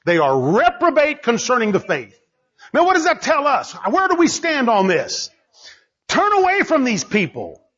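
A man preaching a sermon as pastor, swinging between loud exhortation and low asides. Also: wildly swooping pitch, moderate pace, dull audio.

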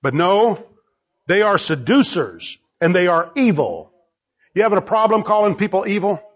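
Animated pastor preaching, muffled. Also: male voice, normal speed. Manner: animated, swinging between loud exhortation and low asides. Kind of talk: sermon.

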